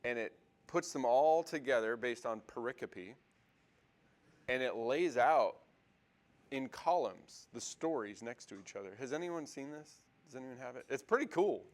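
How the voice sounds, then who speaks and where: A man's voice: mid-range voice, animated, normal speed. Guy teaching a bible class, loose and chatty, lots of ums, asks the room stuff. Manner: conversational, many fillers and restarts, asks the class questions. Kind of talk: casual classroom lecture.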